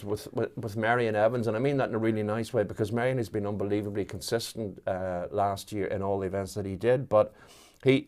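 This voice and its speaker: A man's voice: lowish voice, darkish tone, smooth. A man co-commentating on a rally live stream, chatty and enthusiastic, sometimes stumbling over his words.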